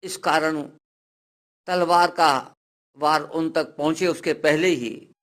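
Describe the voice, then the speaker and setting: A man narrates a devotional folk tale in an unhurried, deliberate way. His voice rests somewhat high for a man. He builds the drama steadily and lets it break into loud, cried-out lines. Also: fairly even intonation. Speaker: storyteller.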